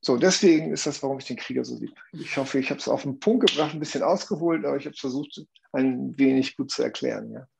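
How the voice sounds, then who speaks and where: A man's voice: medium pitch, quick pace, creaky, few pauses, noisy background. A man explaining a view earnestly in conversation, often checking in with tag questions.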